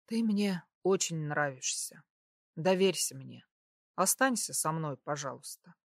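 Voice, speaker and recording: A woman voicing a young nobleman who speaks softly and persuasively, often in a near whisper, in an audiobook. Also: sits low, animated, measured pace, creaky, no room sound, clean studio sound, voice pushed down, exaggerated voice. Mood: tender. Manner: soft, hushed, whispering.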